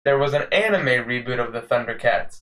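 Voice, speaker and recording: A man's voice: medium pitch, lively intonation, fairly quick, a bit bright, poor audio. A young man co-hosting a casual podcast, earnestly arguing his point. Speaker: podcast co-host.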